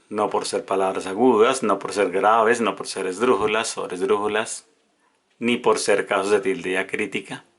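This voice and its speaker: A man teaching a grammar lesson in a video, reading out example words slowly and deliberately. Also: lowish voice, fairly bright tone. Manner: slow, deliberate word-by-word dictation of examples.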